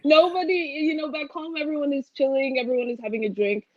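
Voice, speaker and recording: A woman's voice: high-pitched, fairly even intonation, fast talker, dry recording, dull audio. A young woman from Washington, D.C., a designer chatting casually and laughing as an interview guest.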